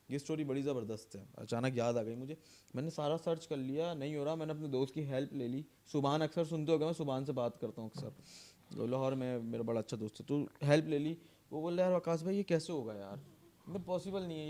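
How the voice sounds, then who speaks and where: Animated man telling a story. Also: fairly high pitch, fast. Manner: animated, acts out quoted dialogue. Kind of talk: casual storytelling.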